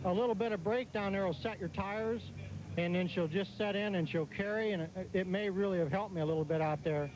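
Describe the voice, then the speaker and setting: A man's voice: sits high, a little fast, a little mellow, rough recording. A plain-spoken, folksy man, a tractor pull driver, explaining his run casually in an interview. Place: outdoors at a pulling track. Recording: clear outdoor trackside engine noise.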